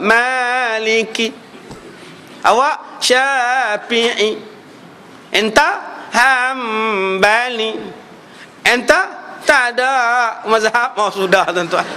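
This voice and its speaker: A man's voice: extremely high pitch, bright, forceful tone, slight background noise. A Malaysian Malay man preaching a humorous sermon, joking with the crowd and drawing out recited words to show pronunciation. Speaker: religious preacher. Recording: long hall reverb.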